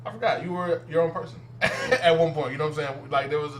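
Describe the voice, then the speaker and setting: A man's voice: a little high, quick pace, a bit bright, a little hiss or hum. A man co-hosting a casual podcast chat, rambling loosely and laughing often. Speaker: podcast co-host.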